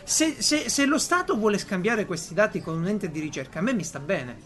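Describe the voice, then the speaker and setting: Male podcast host, conversational and ironic, lively delivery with emphatic repetition. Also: high voice, brisk. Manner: animated, ironic, repeats phrases for emphasis. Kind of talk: casual chat.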